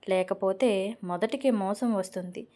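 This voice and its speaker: A woman's voice: medium pitch, normal speed, warm tone, close to an everyday voice. A woman voicing an angry young man who argues heatedly with his father in an audio novel. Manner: heated, insistent, repeats himself.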